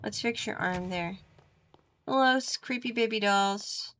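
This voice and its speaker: A woman's voice: medium pitch, measured pace, a bit bright. A woman giving casual, playful video game commentary, chatting to the characters as she plays. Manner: playful, talks to the dolls.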